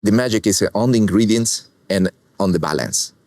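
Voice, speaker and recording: A man from Argentina with an Argentine Spanish accent, walking through a dish step by step in unhurried, plain English. His voice sits a little low, and he explains each part of the recipe in a calm, patient way. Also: no room sound. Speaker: chef. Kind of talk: cooking demonstration with commentary.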